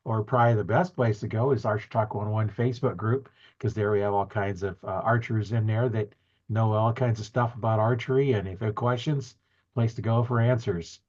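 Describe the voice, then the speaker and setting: A man's voice: on the low side, steady tone, brisk, darkish tone. Regular guy hosting a podcast, folksy, lots of uh's, muffled call audio. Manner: folksy, rambling with fillers. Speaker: podcast host. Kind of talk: casual interview hosting.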